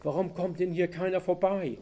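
A man's voice: high-pitched, steady tone, moderate pace, warm tone, pitched above the performer's own voice. A man reading a story aloud, voicing a frightened young woman who speaks in a raised, urgent voice. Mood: anxious.

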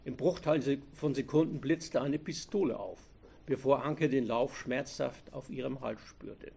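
A man's voice: medium pitch, a little slow, gravelly, darkish tone, breathy edge. A man reading a crime story aloud, steadily, with the occasional slip. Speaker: narrator.

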